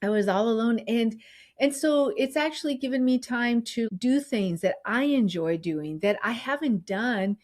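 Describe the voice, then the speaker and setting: A woman's voice: fairly high pitch, normal speed, darkish tone. A middle-aged woman doctor co-hosting a podcast, talking in an earnest, reflective way with frequent restarts. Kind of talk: casual podcast chat.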